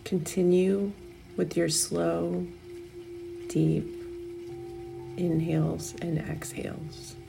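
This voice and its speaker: A woman leading a guided meditation, giving soothing, unhurried instructions with long pauses. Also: lowish voice, level tone, vocal fry, over music, poor audio.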